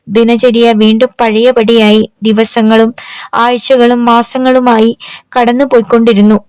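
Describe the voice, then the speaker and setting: A woman reading a novel aloud as an audiobook narrator, in a steady, even manner. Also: fairly high pitch, no room sound, poor audio. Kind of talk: scripted narration.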